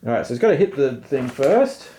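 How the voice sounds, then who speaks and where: A man talks through his solo tabletop game in a casual, informal way. His voice sits at a medium pitch, and he drops in slangy, self-deprecating remarks as he goes. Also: sing-song, fairly quick, warm tone, a little hiss or hum.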